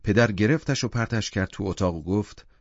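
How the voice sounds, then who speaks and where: A man narrating a literary short story as an audiobook in a calm, measured manner. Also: lowish voice, dry recording. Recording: dull lo-fi audiobook recording.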